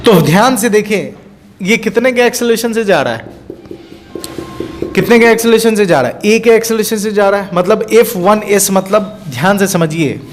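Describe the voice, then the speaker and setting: A man's voice: sits high, slight background noise. A man teaching physics for an exam-prep class, asking questions over and over and answering them himself, mixing in English terms. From India. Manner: mixes Hindi with English terms.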